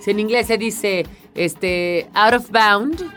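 A woman's voice: mid-range voice, slow, a bit bright, faint music behind. A woman co-hosting a radio chat about language, explaining patiently and often checking in with a questioning "¿no?". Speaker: radio co-host.

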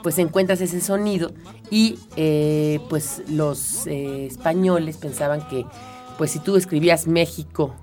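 A woman's voice: low-pitched, measured pace, mellow, faint music behind. A woman from Mexico with a Mexican accent, co-hosting an explanatory chat and walking through ideas patiently, often checking in with her listener. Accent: Mexican Spanish. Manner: explains patiently, often tags "¿no?" and fills with "este". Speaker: co-host.

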